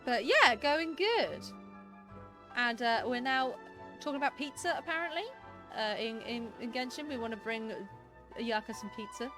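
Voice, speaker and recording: A woman's voice: on the high side, animated, moderate pace, over music. Playful woman streamer with game commentary. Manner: playful, giggly asides.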